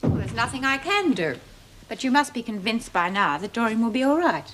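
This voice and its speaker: A woman's voice: a little high, very animated, fairly bright tone. An actress playing a firm, formal woman prison official in a television drama. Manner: measured, formal, authoritative.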